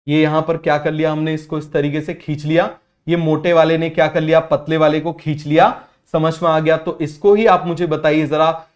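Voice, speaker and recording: High-pitched young male biology tutor, drilling students with quick questions. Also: a little mellow. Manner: keeps asking students if it is clear. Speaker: biology teacher. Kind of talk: online exam-prep class.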